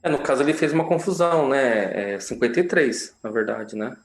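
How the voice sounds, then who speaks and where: A man's voice: medium pitch, animated, fairly quick, a little hiss or hum. A man working as a lawyer, answering questions on a live stream in an explanatory way, with many fillers and tag questions. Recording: roomy echo.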